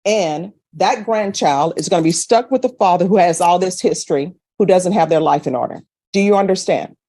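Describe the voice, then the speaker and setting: A woman's voice: lowish voice, lively intonation, fairly quick, dark tone, dry recording. A woman speaking as a judge in a courtroom, questioning and lecturing in a stern, plain-spoken, admonishing manner.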